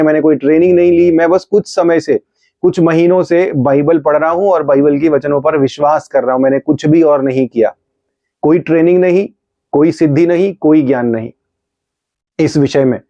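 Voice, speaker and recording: A middle-aged male pastor preaching a testimony with fervent, storytelling energy, voice pitched a touch high. His tone is mellow rather than bright. The recording is slightly dull and dry, with no room around it. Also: fairly even intonation, normal speed, no echo. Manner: fervent storytelling, acts out his own rebukes. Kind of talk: testimony sermon.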